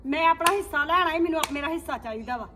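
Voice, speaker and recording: A woman's voice: high voice, rapid-fire, noisy background, natural voice. An actress playing a married daughter who insists on her share, defiant and aggrieved, with a Punjabi accent. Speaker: actor in a family drama. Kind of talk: scripted short film acting.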